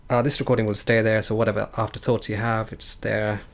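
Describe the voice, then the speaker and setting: Brief: male stream host, very gravelly, low and flat, easygoing sign-off. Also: fairly quick. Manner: relaxed, filler-laden wrap-up.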